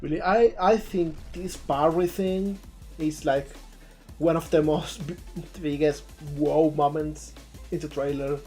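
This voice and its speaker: A native Spanish speaker with a southern Andalusian accent hosts a live stream, chatting casually about game trailers. The voice is medium-pitched, steady, and a little mellow, at a measured pace, with music playing behind it.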